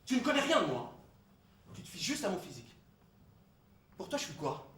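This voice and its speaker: A man's voice: high-pitched, huge pitch swings, normal speed, noisy background. A man in a comedy sketch dialogue, talking in an insistent, explaining way and laughing easily. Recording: echoey room, distant mic.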